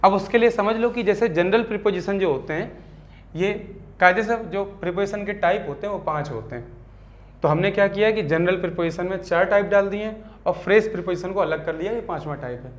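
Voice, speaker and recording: High-voiced Indian man teaching grammar. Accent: Hindi. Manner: keeps asking the class quick check questions. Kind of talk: classroom grammar lesson.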